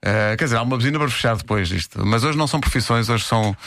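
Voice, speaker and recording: A man's voice: medium pitch, very fast, a bit bright, no room sound, studio quality. A man with a European Portuguese accent hosting a radio comedy segment, introducing a guest with hesitant, filler-heavy talk. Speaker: radio show host.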